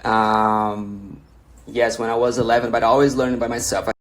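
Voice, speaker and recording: The audio is poor, but you can hear a medium-pitched male voice with a level tone at normal speed. He's a young Brazilian native Portuguese speaker, Brazilian-accented, casually livestreaming, reading viewer questions aloud, giving encouraging answers and often restarting sentences.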